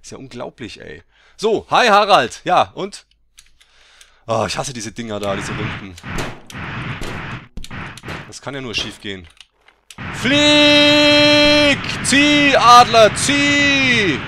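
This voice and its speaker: A man giving let's play game commentary, excitable and teasing, who swears and bursts into loud yells. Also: medium pitch, vocal fry, very noisy. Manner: mocking, teasing banter.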